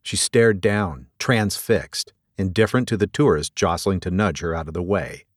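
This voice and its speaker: A man narrating a story in an expressive storytelling delivery. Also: low-pitched, normal speed, no room sound, clean studio sound. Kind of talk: audiobook narration.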